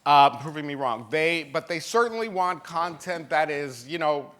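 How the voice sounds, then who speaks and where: Bright-voiced man on a festival panel. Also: a little high, moderate pace. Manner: animated, laughs often, frequent restarts. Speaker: film distributor on a festival panel. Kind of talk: panel discussion. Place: festival symposium panel stage.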